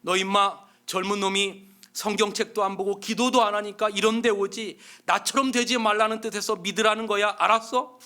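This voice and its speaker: Man doing a gruff condemned convict, loud and bossy, barking orders, high bright voice. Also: a little fast, hardly any pauses. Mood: bullying. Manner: rough, scolding, shouting commands. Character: condemned male murderer, gruff bullying convict preaching.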